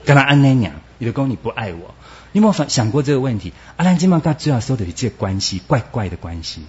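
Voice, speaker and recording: A man preaching a sermon, animated and acting out quoted voices, with Hokkien words mixed in. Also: mid-range voice, quick pace, slight background noise. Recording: dull lo-fi recording.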